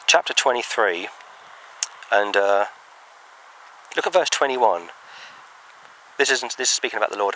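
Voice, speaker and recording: A man's voice: medium pitch, sharp tone, a little hiss or hum, low-quality recording. A man preaching a sermon outdoors, earnest and emphatic, reading from the Bible between points.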